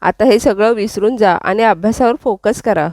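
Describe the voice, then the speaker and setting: A woman's voice: mid-range voice, moderate pace, noisy background, close to an everyday voice. A woman voicing a teasing young man. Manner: playful teasing questions. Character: young man, teasing, gently mocking hero. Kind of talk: recounted serial dialogue.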